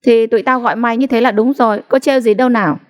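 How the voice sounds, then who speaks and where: A woman's voice: on the high side, fairly even intonation, racing, voice pushed up, close to an everyday voice. A woman voicing a pack of teenage schoolkids who mock a classmate in sing-song taunts. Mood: jeering.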